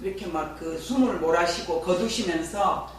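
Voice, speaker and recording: A woman pastor preaches a sermon woven with personal testimony, a lively storyteller who chats with her congregation. Her voice is lowish and at normal speed, recorded from a distant mic in a very echoey church with a faint hum.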